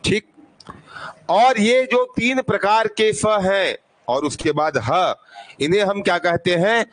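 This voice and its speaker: Male teacher, high voice, unhurried drilling, asks and answers himself. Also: a bit bright, a little hiss or hum. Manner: repeats sounds slowly to demonstrate. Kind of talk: classroom grammar lesson.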